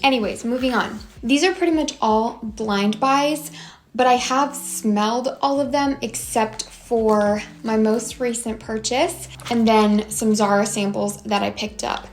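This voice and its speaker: A woman's voice: a little high, a little slow, roomy sound, slight background noise. A young woman in her twenties chatting enthusiastically to viewers in a casual haul vlog. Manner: enthusiastic, bubbly, gushing. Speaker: beauty vlogger.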